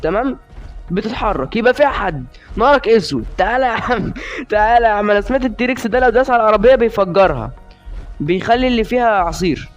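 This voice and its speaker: A man's voice: high voice, animated, quick pace, muffled recording, soft background music. A young man with an Egyptian Arabic accent giving live commentary on his game, joking and exasperated with his opponents. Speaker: gaming YouTuber.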